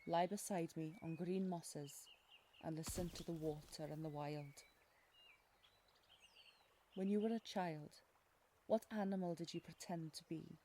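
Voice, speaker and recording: A woman with a Welsh accent voicing a mysterious, protective fae guide in an intimate audio role-play, with lyrical, gently commanding phrasing. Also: sits low, normal speed, a little hiss or hum, lightly acted. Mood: soothing. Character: mysterious female fae guide, protective, wry, ancient storyteller.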